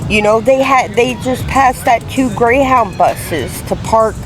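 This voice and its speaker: A woman in her forties from Florida, speaking frankly in a street interview with halting restarts. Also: a little high, music in the background. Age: 40s. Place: outdoors on a city street.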